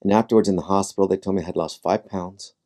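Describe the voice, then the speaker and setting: A man with a low, very dark and mellow voice recounts a personal story as a podcast guest. He speaks in a measured, dramatic way, pausing often and acting out his own past thoughts. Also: fairly even intonation. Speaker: podcast guest, former highway patrol sergeant.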